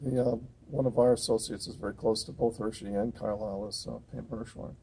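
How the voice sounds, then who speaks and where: A man's voice: on the low side, fairly even intonation, fairly quick, vocal fry, mellow, slight background noise. A man hosting a casual interview at an outdoor car show, rambling and restarting his sentences. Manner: rambling, many fillers and restarts.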